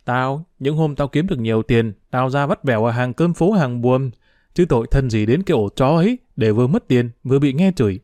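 A man voicing a scrappy, cheeky street urchin boy in an audiobook, talking fast and boastfully. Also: medium pitch, animated, darkish tone, no room sound, lightly acted. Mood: cocky. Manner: boastful, quick, teasing. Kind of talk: audiobook character voice.

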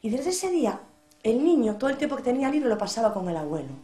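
Woman storyteller from Portugal, quick and high, dramatic, echoey room. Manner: lively, dramatic. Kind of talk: oral storytelling.

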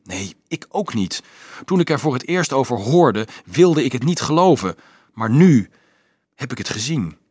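A man reading an audiobook, voicing a quiet young male student who speaks calmly and sorrowfully. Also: mid-range voice, a little slow, husky, dry recording, studio quality. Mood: grave. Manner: calm, sparing, subdued speech.

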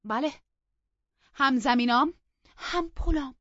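A woman voicing a bold, defiant young woman who taunts and talks back loudly, in a dull lo-fi recording. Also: fairly low pitch, expressive, slightly rough, no echo, full character voice.

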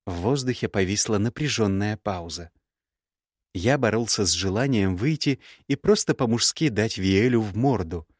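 A man's voice: lowish voice, lively intonation, normal speed, no room sound, clean studio sound. Man narrating a first-person audiobook.

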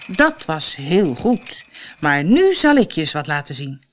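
A woman's voice: low-pitched, sing-song, a little slow, slight background noise, voice pushed down. A woman reading a storybook, giving voice to a curious, bold young boy. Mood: boastful.

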